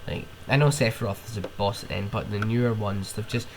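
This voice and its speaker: A man's voice: lowish voice, fairly quick, background noise. Rambling, sniffly young man. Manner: rambling, sniffing and burping, sweary. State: ill with a cold. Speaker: podcast host. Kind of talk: casual solo ranting.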